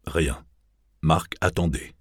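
A man narrating a novel in a measured, even audiobook reading. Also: extremely low pitch, breathy edge, dry recording, clean studio sound.

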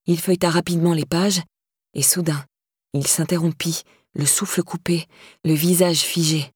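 Low, husky woman narrating a novel. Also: steady tone, normal speed, a little mellow, dry recording, clean studio sound. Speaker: audiobook narrator.

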